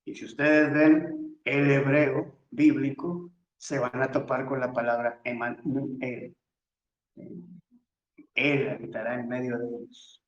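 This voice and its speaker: A man's voice: medium pitch, level tone, slow, echoey room, lo-fi sound. A man giving a verse-by-verse scripture lesson, methodically telling his listeners which words to underline and circle. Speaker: Bible teacher.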